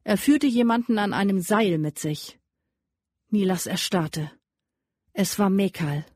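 Woman reading a storybook aloud, slow and measured, dry close sound. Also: mid-range voice, darkish tone, no echo. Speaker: audiobook narrator. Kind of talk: scripted storybook narration.

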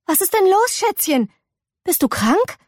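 A woman voicing an anxious mother fussing over her daughter, with rapid worried questions. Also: very high-pitched, very animated, darkish tone, no echo, clean studio sound, voice pushed up, heavily acted.

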